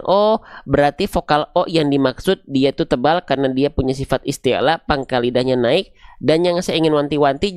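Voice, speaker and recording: A man's voice: a little high, clear, resonant tone, no room sound, studio quality. A man teaching Quran recitation in an online video lesson, patiently explaining step by step and asking questions aloud before answering them himself.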